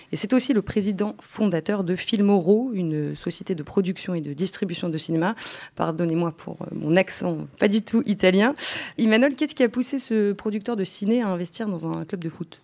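A woman hosting a football podcast, introducing guests and topics in a clear, measured way. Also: on the low side, a little mellow. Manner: clear, measured presenting with a few fillers. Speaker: podcast host. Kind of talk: scripted podcast introduction and moderation.

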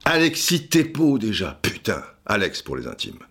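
A man's voice: on the low side, wildly swooping pitch, normal speed, fairly bright tone, husky. A man hosting a playful football history podcast, joking and theatrical, often stammering repeats. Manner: jokey, theatrical, stammering repeats, sings and hums asides. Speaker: podcast host.

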